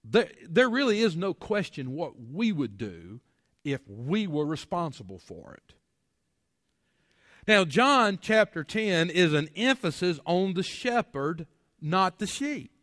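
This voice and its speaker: A man's voice: sits high, sing-song, slow pace, fairly bright tone, dry recording, clean studio sound, big-room sound. A man preaching a sermon to his congregation, folksy, full of rhetorical questions and repeated words. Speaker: pastor. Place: church sanctuary.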